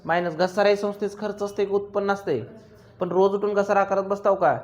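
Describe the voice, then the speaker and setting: High-voiced teacher quizzing his class. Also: steady tone. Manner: drilling students with rapid questions, teasing. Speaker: commerce teacher. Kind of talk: classroom lecture with questions to students.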